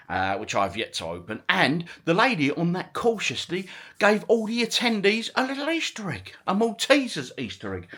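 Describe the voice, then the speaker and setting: A middle-aged man who runs a vlog and retro gaming channel chats casually to his viewers with a husky, slightly bright voice at medium pitch. He rambles along in British slang and opens with chirpy greetings.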